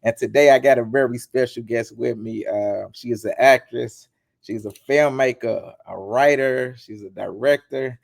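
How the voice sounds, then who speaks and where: A man hosting an interview, giving an upbeat, hyped-up welcome to his guest and asking relaxed questions. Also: mid-range voice, normal speed, gravelly, no echo, clean studio sound. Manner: upbeat, hype introductions. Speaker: interview host.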